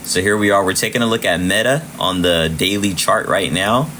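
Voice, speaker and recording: Over a light hum or hiss, a man with a low voice speaks at a moderate pace as he hosts a trading livestream. He chats about the charts in a relaxed, repetitive way, giving shout-outs and thanks to viewers while his voice fades.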